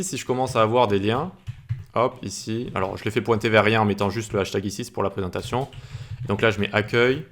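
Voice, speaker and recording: A man teaching web development in a screencast tutorial, informal, with many fillers and restarts. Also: fairly low pitch.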